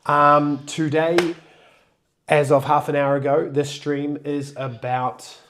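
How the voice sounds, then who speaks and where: A man's voice: fairly high pitch, flat delivery, takes it slowly, noisy background. A man hosting a casual live stream, chatting loosely and jokingly while getting over a cold. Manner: chatty, loose, restarts and jokes. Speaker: co-host of a sailing channel live stream.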